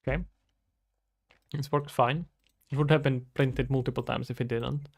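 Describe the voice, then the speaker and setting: Working at a computer indoors, this twenty-something indie game developer and streamer from the Czech Republic, a native Czech speaker, muses aloud casually to himself and his livestream audience. He speaks at a moderate pace in a medium-pitched voice with vocal fry and little pitch movement.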